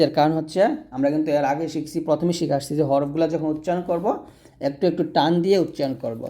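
A man with a Bangladeshi Bengali accent teaching Quran reading, spelling out letters and vowel marks slowly and pausing for students to repeat. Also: on the high side, mellow. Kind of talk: slow recitation drill lesson.

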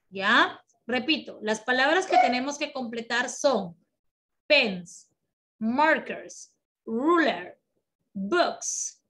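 A woman teaching English to children over a video call, encouraging and slow, switching between English and Spanish. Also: high-pitched, fairly bright tone, a little hiss or hum. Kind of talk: online children's class.

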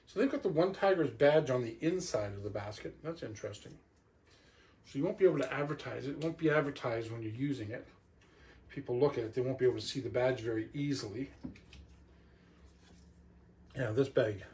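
In a mellow, mid-range voice, a middle-aged product reviewer does a casual hands-on unboxing at home, half muttering to himself while examining the equipment. Clicks and noticeable background noise are audible.

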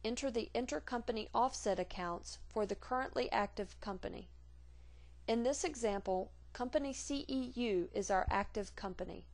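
Scripted instructions for a software tutorial are narrated by a woman in a mid-range voice, with a neutral, formal, measured tone.

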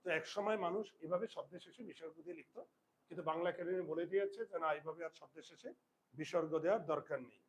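A male teacher giving a spelling lesson, slowly dictating rules and checking that his students follow. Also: a little high, husky, low-quality recording. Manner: asks students checking questions. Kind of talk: Bengali grammar lesson.

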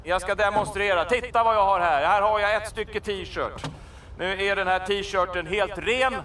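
A man's voice: high-pitched, sharp tone, far from the mic, slight background noise. An actor playing a crude, boastful wannabe musician and pushy street salesman who swears constantly. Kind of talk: sketch comedy acting.

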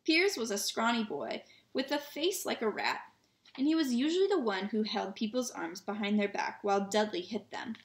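Woman reading a kids book aloud, relaxed, a few slips, echoey room. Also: a little high, moderate pace. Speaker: reader. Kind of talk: storybook read-aloud. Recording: roomy echo.

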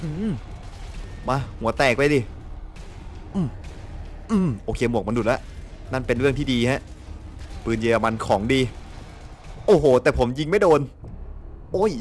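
A young man with a Thai accent giving excitable gameplay commentary. He laughs often and swears mildly. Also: medium pitch, moderate pace, long pauses, soft background music. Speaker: gameplay streamer. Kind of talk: casual let's-play commentary.

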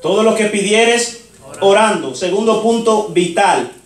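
A male preacher with a high voice tells a story from the pulpit and voices each side of the dialogue. He sounds a little distant from the mic. His voice rings around a large, echoey church. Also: unhurried. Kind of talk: sermon. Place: church sanctuary.

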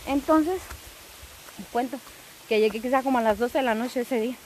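Give me a high-pitched woman chatting on a phone vlog outdoors, rambling and lively. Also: normal speed, a little hiss or hum. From El Salvador. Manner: rambling, animated, self-teasing. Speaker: vlogger.

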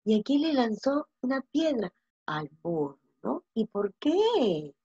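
A woman's voice: a little high, big pitch swings, slow pace, dark tone, slightly rough, muffled recording. A first-grade teacher, giving a recorded reading lesson to young children. She is patient, stretches her words and asks many questions, then answers them herself.

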